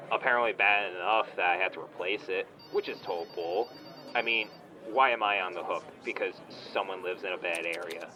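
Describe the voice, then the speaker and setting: In a comedy audio drama, a man plays a smug, entitled online shop owner calling in as a complaining customer, irritated and whiny, condescending and petulant in casual slang. His low voice is brisk and sharp, with a little hiss or hum.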